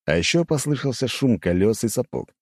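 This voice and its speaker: A man narrating a first-person audiobook in a lively, expressive way. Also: mid-range voice, fairly quick, breathy edge, no echo, clean studio sound.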